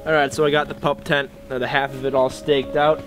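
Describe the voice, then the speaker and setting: Casting: young male outdoors host, relaxed, mid-pitched, chatty how-to delivery, music behind. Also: a little fast. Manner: relaxed explaining with frequent ums. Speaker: bushcraft channel host. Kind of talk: casual outdoor tutorial. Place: snowy woods outdoors.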